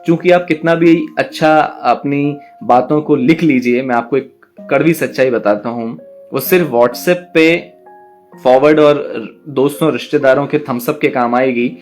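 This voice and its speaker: A man's voice: medium pitch, faint music behind. A man teaching an online class on poetry, explaining patiently and stretching out words syllable by syllable to demonstrate. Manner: slow, drawn-out syllable demonstrations; explains patiently, addresses students directly.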